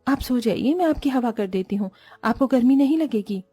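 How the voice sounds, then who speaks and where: A woman's voice: on the high side, expressive, moderate pace, warm tone, husky, dry recording, soft background music. Woman doing a meek, kind young daughter-in-law. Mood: gentle.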